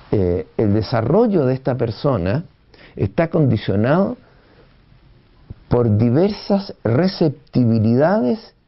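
A man giving an unhurried classroom lecture on education, often pausing with "eh" and tag questions. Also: mid-range voice, vocal fry. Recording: dull lo-fi recording.

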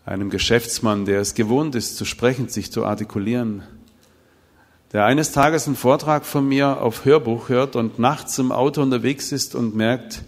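A middle-aged man gives a sermon in a large hall, and his voice rings on in the long reverb. He tells stories with lively, animated delivery and acts out the dialogue of the people in them. His pitch sits in the ordinary middle range for a man. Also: normal speed. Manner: animated storytelling, acting out dialogue. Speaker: preacher.

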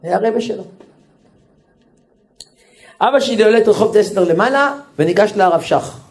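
A man, a rabbi, telling a family story in a religious lecture, acting out the voices. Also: high voice. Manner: animated storyteller, acts out every voice.

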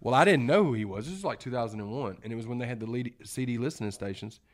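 A man's voice: medium pitch, rapid-fire. A man, co-hosting a podcast in casual, slangy banter. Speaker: podcast co-host. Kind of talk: casual chat.

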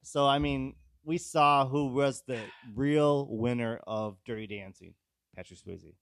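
Rambling, foul-mouthed podcast co-host. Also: male voice, mid-range voice, a little slow, fairly bright tone, smooth, no room sound, clean studio sound. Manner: rambling, swears freely, restarts sentences. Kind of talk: casual chat.

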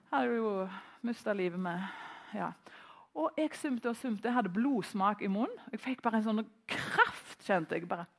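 A middle-aged Norwegian woman preaching in church, telling a personal story in a relaxed, conversational way with pauses and fillers. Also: mid-range voice.

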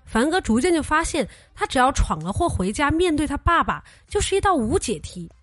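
This young podcast host talks a little fast in a high-pitched voice, recorded at studio quality with no room sound. Her comic storytelling is teasing and animated, full of jokes, anecdotes, and impressions of the people involved.

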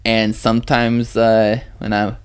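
A man's voice: on the low side, completely flat delivery, takes it slowly, clean tone. A young man co-hosting a podcast in casual chat, blunt and profane, laughing often. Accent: Pacific Northwest. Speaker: podcast co-host.

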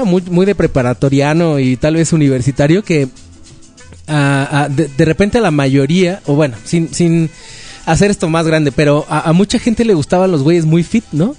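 A Mexican man in his thirties hosts a podcast, trading jokes and slang in relaxed banter. His voice sits a bit high for a man. Soft music plays underneath. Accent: Mexican Spanish. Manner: joking, chatty slang-filled banter. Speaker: podcast host. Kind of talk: casual chat.

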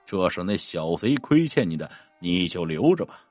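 A man voicing a cold, stern male ghost general from the underworld who speaks slowly and gravely. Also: low-pitched, very animated, darkish tone, no room sound, faint music behind, pitched below the performer's own voice. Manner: slow, grave and commanding.

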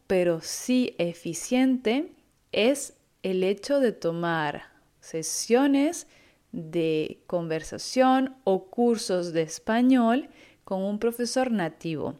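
A woman teaching an online Spanish lesson, speaking slowly and patiently. She explains each step clearly, in a medium-pitched voice. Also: a little mellow.

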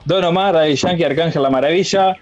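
A man's voice: fairly high pitch, fast talker, dry recording, lo-fi sound. A young man with a Uruguayan accent, co-hosting a casual music podcast in an emphatic, joking way. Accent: Uruguayan Spanish. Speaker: podcast co-host. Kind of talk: casual chat about music.

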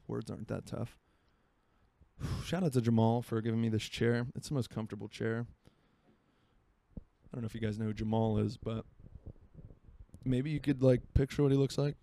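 A man's voice: mid-range voice, fairly even intonation, normal speed, creaky, pauses often, mellow. A man in his twenties from Florida, hosting a solo podcast in rambling, self-mocking casual chat from his home by a marina. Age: 20s. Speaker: podcast host.

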